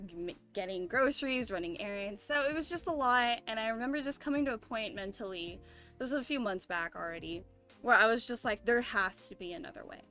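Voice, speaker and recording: Bright, high-voiced young woman chatting over music. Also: animated, brisk. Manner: earnest, reflective storytelling with frequent 'like'. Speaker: member of a streamer group of artists. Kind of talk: casual group stream chat. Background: background music.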